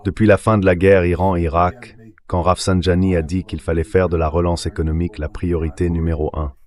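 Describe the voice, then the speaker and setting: Reading a translated voice-over, a male political commentator appearing as an interview guest speaks assertively and with emphasis, frequently posing rhetorical questions. His low voice is brisk and slightly mellow, with little pitch movement.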